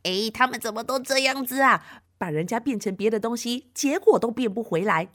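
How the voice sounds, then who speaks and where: A woman reading a picture book to children in an animated manner, often addressing them directly. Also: fairly high pitch, moderate pace. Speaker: storyteller.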